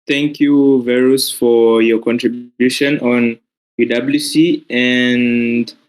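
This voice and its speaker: Guy hosting the seminar, slow and unsure, lots of ums. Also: medium pitch, low-quality recording. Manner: unhurried, hesitant with fillers. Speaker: session moderator. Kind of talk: moderating a seminar.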